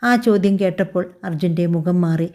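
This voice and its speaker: A woman tells a scripted story in a calm, even way. Her voice sits low and sounds mellow and soft. She reads every part in that same steady narrating voice. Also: a little fast. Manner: calm, even storytelling voice that also reads all the characters' lines.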